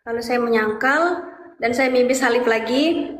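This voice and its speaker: A woman's voice: on the high side, steady tone, moderate pace, fairly bright tone. Young woman in an echoey room. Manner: earnest, recounting with frequent fillers. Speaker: guest sharing her conversion story. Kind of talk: casual testimony. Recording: echoey room with faint noise.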